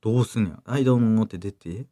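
A man's voice: lowish voice, fast talker, mellow. A young man with a Kansai accent, chatting casually as a comedian co-host, laughing often and acting out quotes. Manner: laid-back, laughs often, acts out quotes. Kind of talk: casual chat.

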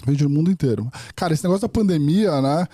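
Rambling Brazilian man, dark mellow voice. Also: on the high side, animated, fast, husky, dry recording, studio quality. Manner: rambling, many restarts and fillers. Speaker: podcast guest. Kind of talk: casual interview chat.

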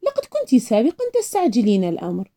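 A woman's voice: fairly high pitch, wildly swooping pitch, fast talker, dark tone, full character voice. A woman voicing a businessman worried about debts, talking earnestly with his fiancée. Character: worried businessman in love, under pressure.

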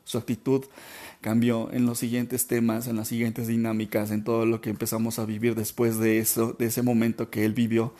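A man's voice: medium pitch, monotone, warm tone. Male podcast host, earnest storyteller who stumbles and repeats himself, mid-range voice. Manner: halting, emotional, many restarts and repetitions.

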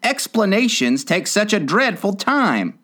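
A man voicing a solemn, impatient male griffin who talks slowly. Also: high-pitched, big pitch swings, fairly bright tone, pitched above the performer's own voice, heavily acted. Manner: slow and solemn.

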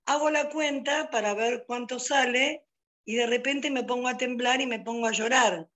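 A woman's voice: a little high, moderate pace. A woman with an Argentine accent telling a personal story over a video call, acting out the dialogue as she goes. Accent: Argentine Spanish. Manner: lively retelling, acting out quoted dialogue. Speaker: storyteller sharing a personal testimony.

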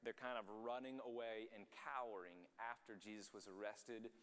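A man's voice: on the low side, moderate pace, a bit bright. Casual male Bible teacher in a hall. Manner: conversational, acts out the quotes in voices. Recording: long hall reverb.

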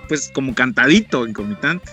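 A man's voice: medium pitch, animated, a little fast, sharp tone, soft background music. A man with a Mexican accent hosting a casual interview, rambling with plenty of fillers and restarts. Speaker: host interviewing a guest.

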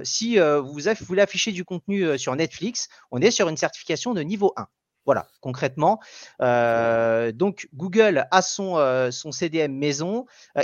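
A man's voice: a little high, no echo, muffled recording. A man hosting a casual tech podcast, explaining news with many fillers and restarts. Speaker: podcast host.

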